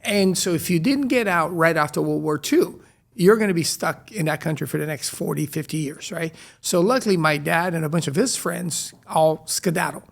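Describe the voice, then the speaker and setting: Man, middle-aged, from Brazil, native Chinese and Portuguese, gravelly voice, animated storyteller. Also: a little high, normal speed. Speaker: guest, restaurant co-founder. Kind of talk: casual interview storytelling.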